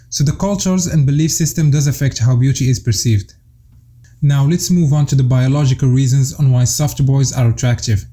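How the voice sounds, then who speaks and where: Dark-voiced young man from Morocco. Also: medium pitch. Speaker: YouTube commentator. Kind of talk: scripted voice-over commentary.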